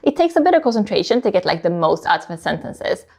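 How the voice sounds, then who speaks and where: Fast and sing-song, her medium-pitched voice a little mellow, a Swedish-speaking book YouTuber chats informally to camera about books she recommends, peppering her talk with "like."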